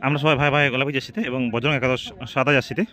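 A man's voice: medium pitch, steady tone, rapid-fire, pushed and bright. A man giving live football match commentary, repeating team names and phrases as he follows each shot. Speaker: football commentator and channel host.

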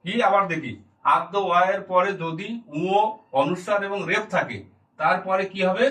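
A man's voice: high voice, normal speed, bright, forceful tone, echoey room, recorded from a distance, rough recording. A man teaching a lesson, explaining rules one by one and repeating key words, often asking a question and answering it himself.

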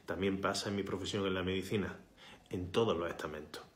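A man's voice: low-pitched, fairly even intonation, fairly quick. Fiery man ranting at his phone. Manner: fiery, emphatic, drops to whispers for stress. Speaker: healthcare worker and activist. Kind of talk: impassioned direct-to-camera protest appeal. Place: small indoor room, bright window behind. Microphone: phone camera at arm's length. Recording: echoey room.

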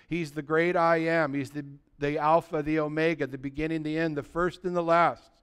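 Male pastor, high smooth voice, fervent sermon delivery that swings between loud calls and hushed tenderness. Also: level tone, moderate pace.

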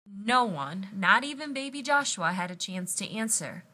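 Bright-voiced woman reading a picture book. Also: mid-range voice, moderate pace. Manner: expressive, lively storytelling. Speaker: storybook reader. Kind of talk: picture-book read-aloud.

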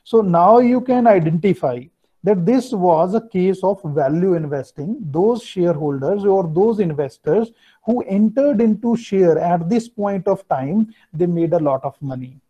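A man's voice: high voice, animated, measured pace, warm tone. A middle-aged man with a North Indian accent and Hindi as his native language, lecturing an online class in two mixed languages, explaining and checking with students, over a computer mic on a video call. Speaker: finance teacher. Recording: dull, lo-fi video-call audio.

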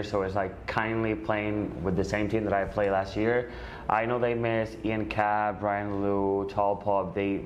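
Halting low-voiced man at a press conference. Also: slight background noise. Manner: halting, many fillers, searching for words. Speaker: volleyball player. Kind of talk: post-game press conference answers.

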